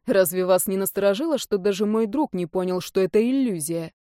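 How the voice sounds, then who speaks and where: Woman reading a composed noble male rector, unhurried, matter-of-fact, dry close sound. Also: mid-range voice, dark tone, no echo, lightly acted. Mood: calm, matter-of-fact. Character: composed aristocratic male academy rector, calm and decisive.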